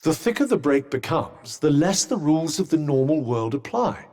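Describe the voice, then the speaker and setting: An actor with a British accent voicing an urbane, dry-witted, sardonic magic cuff in a video game, speaking in a formal, articulate way. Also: male voice, on the high side, big pitch swings, normal speed, a little mellow. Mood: measured advising. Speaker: video game companion character. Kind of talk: scripted game dialogue.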